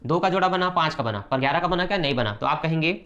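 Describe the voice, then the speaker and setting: Fast-talking man teaching math. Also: fairly high pitch, animated, fairly bright tone, lo-fi sound. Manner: brisk, repetitive, often checks "simple" and "okay". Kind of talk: step-by-step classroom math lesson.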